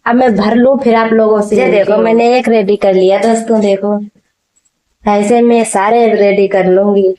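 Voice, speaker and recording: A woman's voice: mid-range voice, steady tone, normal speed, mellow. A middle-aged woman vlogging at home, chatting straight to her viewers while she works, raising her voice over a running machine. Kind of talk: casual how-to vlog.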